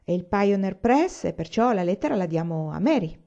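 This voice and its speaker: A woman's voice: mid-range voice, normal speed, vocal fry. A woman reading as a cheerful pioneer father. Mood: cheerful, reassuring. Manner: steady, reassuring. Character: cheerful resourceful pioneer father, grown man. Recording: dull lo-fi recording.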